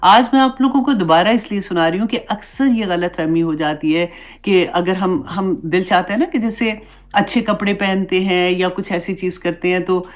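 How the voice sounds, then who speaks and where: A woman religious teacher giving a conversational Islamic class lesson, mixing English words into her explanations. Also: lowish voice.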